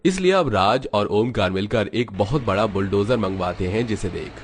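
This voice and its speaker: A man narrating an animated moral story in a scripted, even storytelling way. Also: fairly low pitch, normal speed, slight background noise.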